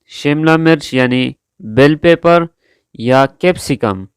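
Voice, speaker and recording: Slow, deliberate male teacher. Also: on the high side, clear, resonant tone, no room sound, clean studio sound. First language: Urdu. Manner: drawn-out, careful pronunciation drills. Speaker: English vocabulary teacher. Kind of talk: slow vocabulary lesson, repeating each word.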